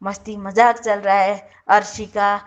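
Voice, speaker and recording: A woman's voice: medium pitch, flat delivery, a little slow, lo-fi sound. Sarcastic woman ranting commentary. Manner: sarcastic, indignant, many self-corrections. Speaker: YouTube show commentator. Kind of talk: opinionated casual commentary.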